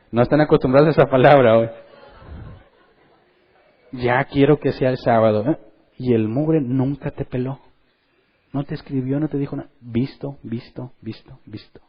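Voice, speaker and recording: A man preaching a sermon in church, lively, and acting out the voices of the people he quotes. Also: medium pitch, husky, muffled recording. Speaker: pastor.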